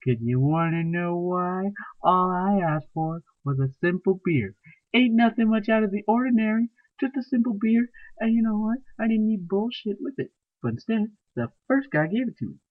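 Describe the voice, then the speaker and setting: A man rants through his comic stories, swearing hard and mocking everyone he talks about. His voice sits a bit high. The recording is thin and tinny, like a phone line. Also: animated, normal speed. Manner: profane, ranting, mocking. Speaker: storyteller. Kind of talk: comedic ranting monologue.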